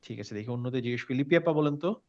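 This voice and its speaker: A man's voice: mid-range voice, very fast, darkish tone. A man teaching a recitation class online, patiently recapping and asking his students questions. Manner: patient, checks understanding with questions, mixes in English words. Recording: dull lo-fi call audio.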